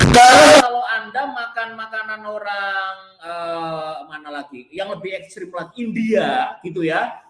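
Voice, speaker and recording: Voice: mid-range voice, fairly bright tone. A diet coach gives a blunt, emphatic motivational talk, firing off rhetorical questions and answering them. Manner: keeps addressing listeners as friends, blunt and scolding. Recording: roomy echo.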